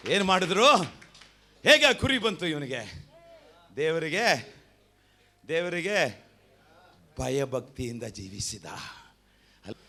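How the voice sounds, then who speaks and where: Kannada accent man preaching, real animated, up and down a lot, asks the crowd stuff. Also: a little high, slow pace, long pauses. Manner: animated preaching with call-and-response. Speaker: pastor. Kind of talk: sermon.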